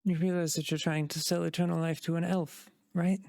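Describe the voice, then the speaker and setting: A man voicing a sleepy, slender young male elf shopkeeper who talks in a halting, hesitant way. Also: a little high, level tone, gravelly, a little mellow, no echo. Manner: hesitant and halting, full of ums.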